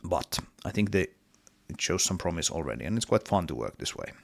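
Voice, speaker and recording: He's an indie game developer whose deep, gravelly voice is expressive and brisk, recorded with no echo. Suffering a cold and a partly lost voice, he talks casually through his game level in a hesitant, filler-heavy devlog.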